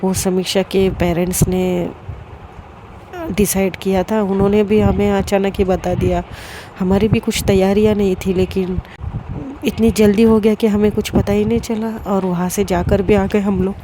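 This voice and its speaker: A fond, fussing middle-aged mother in a spoken storybook, as a woman narrator plays her, speaking in a mid pitch with little melody. Clear traffic noise runs underneath. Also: little pitch movement, moderate pace, mellow, lightly acted. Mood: flustered.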